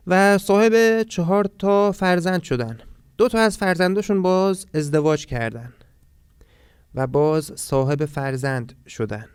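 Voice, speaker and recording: A man teaching a language lesson from a textbook, reading foreign words slowly and explaining them step by step. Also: fairly high pitch, clean tone, no room sound, studio quality. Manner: explains step by step, reads Swedish words slowly then translates.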